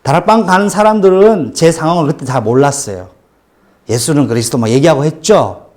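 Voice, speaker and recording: A middle-aged male pastor preaching a sermon, telling his own testimony with animated storytelling. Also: on the high side, a little fast. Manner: animated storytelling testimony, acting out quoted cries.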